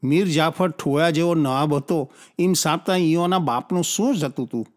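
A man voicing a cheerful, slow-witted village boy who talks in broad rural dialect with earthy exclamations. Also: fairly high pitch, lightly acted. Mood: musing.

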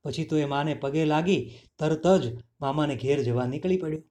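A man narrating a children's story in a lively, expressive way. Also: fairly high pitch, normal speed.

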